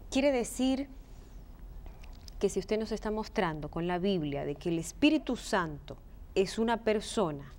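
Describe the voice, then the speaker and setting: A woman puts questions to a teacher in a Bible study. Her voice is mid-pitched, mellow and warm. She thinks aloud as she asks, earnest and searching. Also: lively intonation, a little slow.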